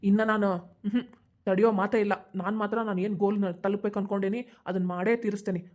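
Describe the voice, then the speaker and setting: Woman as cartoon young son, North Karnataka accent, quick pleading delivery, dark mellow tone. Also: mid-range voice, level tone, natural voice. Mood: earnest. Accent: North Karnataka Kannada. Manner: pleading, determined, talks fast. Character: earnest young man, devoted son and brother. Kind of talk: cartoon voice acting.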